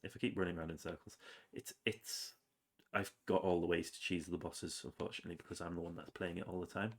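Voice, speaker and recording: A game developer with a low voice and a fast delivery talks over gameplay about how his game is coming along. He has a cold and keeps sniffling, and his relaxed, rambling narration is packed with ums and uhs.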